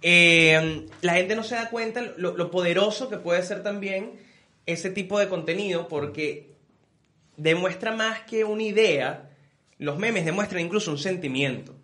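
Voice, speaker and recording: A young man with a Venezuelan accent co-hosting a comedy podcast, trading quick slangy banter. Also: high-pitched, pushed and bright. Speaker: podcast co-host. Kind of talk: casual comedic chat.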